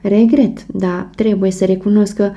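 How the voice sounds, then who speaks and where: A woman narrator voicing a composed, genial older gentleman with a measured, polite delivery. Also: mid-range voice, steady tone, natural voice. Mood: calm. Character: composed older male consultant, calm and genial. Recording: muffled audiobook recording.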